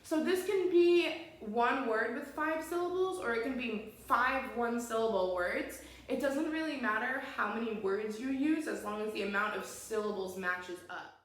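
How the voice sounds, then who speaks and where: A woman's voice: on the high side, normal speed. A woman teaching an online poetry lesson, explaining each rule patiently and step by step. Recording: very echoey room.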